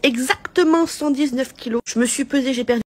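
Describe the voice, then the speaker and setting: A woman with a husky voice telling a storytime monologue in a dramatic, emphatic way. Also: sits high, fairly quick. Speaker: social media storyteller.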